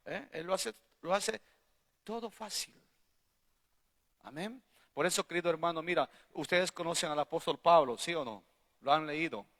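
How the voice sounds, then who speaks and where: Male pastor, sermon delivery, bright slightly high voice, punchy call-and-response questions, loud-soft swings, church hall reverb. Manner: emphatic preaching, frequent rhetorical questions to the congregation; swings between loud bursts and quiet asides.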